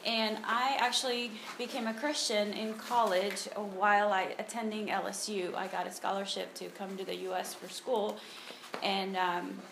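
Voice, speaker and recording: A woman's voice: mid-range voice, level tone, moderate pace, gravelly, fairly bright tone. Woman, thirties, from Honduras, casual testimony, frequent ums, phone-recorded, roomy, noisy. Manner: conversational, frequent ums and restarts. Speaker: speaker at a church ministry meeting. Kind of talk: personal testimony talk with prayer. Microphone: phone recording on a table. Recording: echoey room with noticeable background noise.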